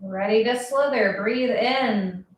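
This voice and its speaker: Slow, calm woman guiding yoga. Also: a little high. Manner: calm, slow, gently playful. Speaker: yoga instructor. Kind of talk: guided yoga class instruction. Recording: very echoey room, voice from far off.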